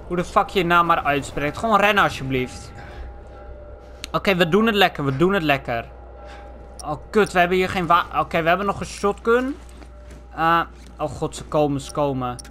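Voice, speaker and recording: A young man from the Netherlands giving excitable, foul-mouthed let's play commentary, tossing in English slang. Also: on the high side. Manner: excitable, swears a lot, drops English slang. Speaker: gaming channel host.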